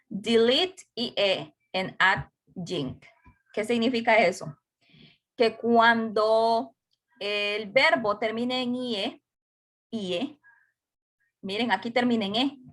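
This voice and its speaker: A patient woman teacher walks a class through a grammar rule. She talks slowly, repeats each word and spells out letters one at a time, at an everyday pitch. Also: fairly bright tone. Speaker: English teacher.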